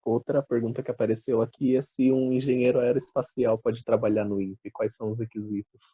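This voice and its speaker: Brazilian man, moderator, even mid voice, dull lo-fi call with clear background noise. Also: mid-range voice, a little fast. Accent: Brazilian Portuguese. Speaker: talk host and moderator. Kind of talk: moderating an online Q&A. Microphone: video call.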